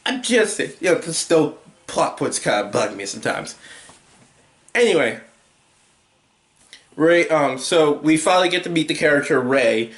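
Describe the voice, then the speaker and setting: A man's voice: on the high side, very animated, measured pace, pauses often, fairly bright tone. Rambling young man in an echoey room. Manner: rambling, many restarts and "like" fillers. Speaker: movie reviewer. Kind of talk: casual movie review. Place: home room with a TV.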